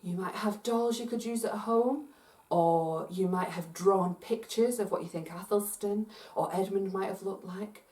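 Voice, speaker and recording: A Scottish woman leads an interactive, multi-sensory children's story, speaking straight to listeners at home in an animated, encouraging way and urging them to join in. Her voice is medium-pitched and unhurried. She sits far from the mic in a room with roomy echo.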